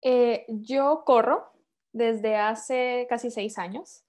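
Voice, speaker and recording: A woman's voice: on the high side, steady tone, very slow, darkish tone. A woman in her thirties with a Honduran accent, chatting as a podcast guest, with many fillers and restarts. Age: 30s. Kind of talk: casual interview chat.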